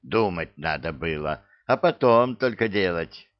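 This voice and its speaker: A man's voice: low voice, animated, unhurried, lo-fi sound. A man voicing a grumpy, sarcastic male cook who talks bluntly and scolds. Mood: grumbling. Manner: grumbling, blunt.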